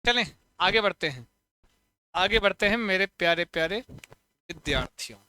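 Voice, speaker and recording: A man teaching a Sanskrit grammar lesson for exams, chanting sound patterns and firing quick questions at students. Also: high-pitched, lively intonation, sharp tone, clean tone, no room sound. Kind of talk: online exam-prep lesson.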